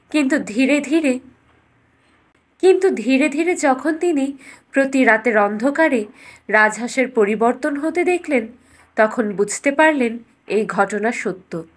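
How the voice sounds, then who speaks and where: A woman with a fairly high voice takes the storyteller's role, narrating a fairytale as a scripted bedtime story.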